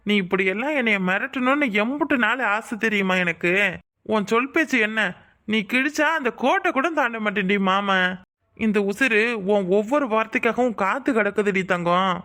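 A voice actor playing a teasing, doting young village husband in a cartoon, quick with playful banter. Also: mid-range voice, pushed and bright, lightly acted. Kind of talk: cartoon voice acting.

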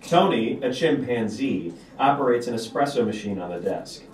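On the stage of a small auditorium, a man narrates at a table read, speaking screenplay stage directions aloud. His mid-range voice is animated and a little mellow, moving at a moderate pace. The distant mic picks up the roomy hall and background noise.

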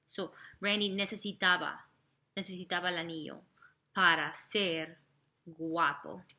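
Slow, bright-voiced woman teaching Spanish. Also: fairly low pitch, fairly even intonation. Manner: slow, repeats each phrase, switches between Spanish and English to explain; sings and makes sound effects while telling the story. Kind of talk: bilingual classroom storytelling lesson.

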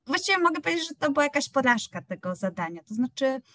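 A woman's voice: sits high, sing-song, quick pace, fairly bright tone, no room sound. A woman academic on a panel discussion, reflective and hesitant, with frequent fillers as she thinks aloud.

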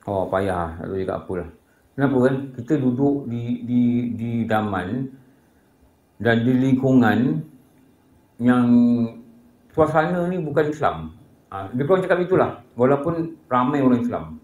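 A man's voice: medium pitch, animated, moderate pace, pauses often, a little mellow. A man with a Malaysian Malay accent giving a casual religious lecture, telling humorous anecdotes and acting out the voices of people in them. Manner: humorous storytelling, acts out voices of people in his stories. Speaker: religious teacher. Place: prayer hall. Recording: echoey prayer hall.

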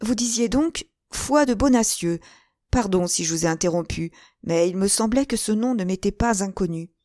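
A woman reading aloud and voicing a young hot-headed male musketeer, eager and quick to exclaim. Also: mid-range voice, dry recording, clean studio sound, voice pushed up, lightly acted. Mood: courteous. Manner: eager, rising to excited exclamations.

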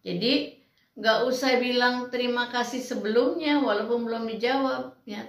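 A woman's voice: mid-range voice, gravelly. A woman lecturer giving students patient, explanatory advice, with frequent fillers. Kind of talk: educational talk to students. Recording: roomy, distant mic.

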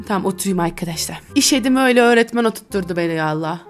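A woman's voice: mid-range voice, animated, quick pace, faint music behind. A woman streamer giving casual, teasing commentary over a role-play game, often breaking into giggles. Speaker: gaming streamer.

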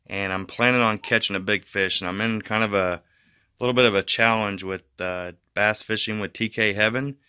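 A man chats through a casual how-to for his fishing channel, rambling a little with fillers and restarts. His voice is fairly low and smooth, with a bright edge. The sound is dry and close, recorded on a phone indoors. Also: no echo.

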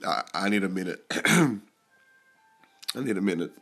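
A young man with a deep voice speaks at normal speed over soft background music. He's sick and keeps clearing his throat, casually remarking on his mobile game pulls and swearing excitedly when they turn out well.

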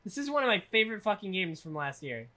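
Animated woman streamer, bright and sweary. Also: mid-range voice, fast talker. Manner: profane, reacts aloud to the game. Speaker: game streamer. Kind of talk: casual gameplay commentary.

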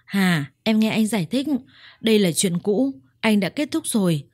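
A woman's voice: medium pitch, animated, normal speed, a little mellow, dry recording, studio quality, lightly acted. A woman voicing a guilty young husband who pleads with his wife. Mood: pleading.

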